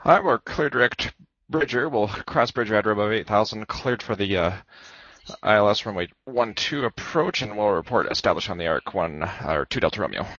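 Guy pilot doing atc radio readbacks, quick lowish voice, dry dull sound. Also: animated, fairly bright tone, no room sound. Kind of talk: air traffic control radio, pilot readbacks. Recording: muffled, dry radio audio.

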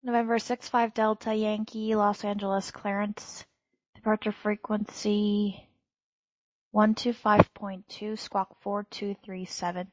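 A woman giving clearances as an air traffic controller in clipped aviation phraseology. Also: mid-range voice, flat delivery, unhurried, no room sound, muffled recording.

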